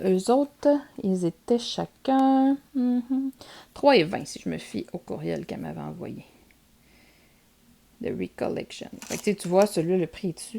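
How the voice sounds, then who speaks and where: A woman with a Québécois French accent chats casually in a show-and-tell vlog, showing off her purchases and using plenty of filler words. Her voice is medium-pitched, creaky and mellow.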